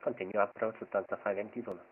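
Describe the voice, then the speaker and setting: Low-voiced pilot over tinny radio. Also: male voice, steady tone, very fast. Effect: pilot heard over a tinny aircraft radio. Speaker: airline pilot. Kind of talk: brisk radio readback. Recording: tinny distant radio transmission.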